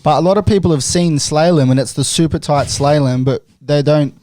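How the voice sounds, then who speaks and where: Laid-back podcast host. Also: male voice, a little high, a little fast, warm tone, no room sound. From Australia. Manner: laid-back, rambling with fillers like "you know". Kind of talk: casual chat.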